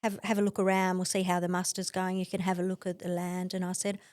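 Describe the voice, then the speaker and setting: A middle-aged Australian woman telling her story as a podcast guest, animated, laughing often and acting out what others said. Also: fairly low pitch, fast, dry recording. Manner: animated, acts out quoted voices, laughs often. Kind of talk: conversational storytelling.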